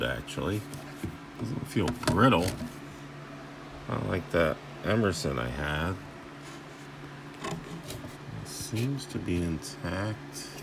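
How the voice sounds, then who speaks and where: This radio repair video host has a deep, gravelly voice, with background noise around him. He rambles casually while working hands-on with the equipment, thinking aloud in informal, salty language.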